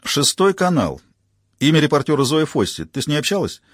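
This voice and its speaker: A man voicing a brisk, businesslike male colleague talking on the phone, in an audiobook. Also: a little high, big pitch swings, dry recording, studio quality, pitched above the performer's own voice.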